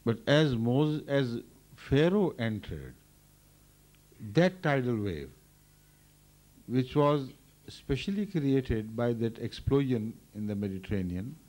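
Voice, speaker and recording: An older man, a religious leader, giving a measured, thoughtful explanation at a microphone during a question session. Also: mid-range voice, sing-song, a little mellow. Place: large indoor hall. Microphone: standing microphone.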